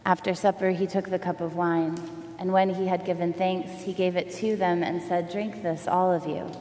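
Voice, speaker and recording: A woman priest leading the Eucharist, reciting the prayers in a measured, solemn way, with a cathedral echo from a large church. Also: lowish voice, steady tone, dark tone. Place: large church during a service. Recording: echoey hall with faint room noise.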